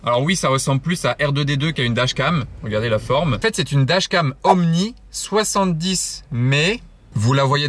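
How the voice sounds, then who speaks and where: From inside a car, a man hosts a casual car-spotting vlog, chatting upbeat and directly to viewers as he demonstrates a gadget. His fairly high voice is a bit bright, with no room sound.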